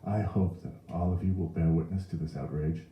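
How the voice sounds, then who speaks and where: A man's voice: low voice, moderate pace, muffled recording, lightly acted. A man voicing a haughty, pompous young man who rants in florid, declamatory indignation. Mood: haughty outrage. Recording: roomy echo.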